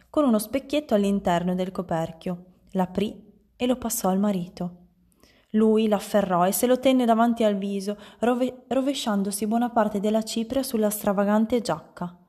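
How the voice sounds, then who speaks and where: Una donna che legge ad alta voce un libro per ragazzi, in modo espressivo. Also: female voice, mid-range voice, warm tone. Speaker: reader. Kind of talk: storybook read-aloud.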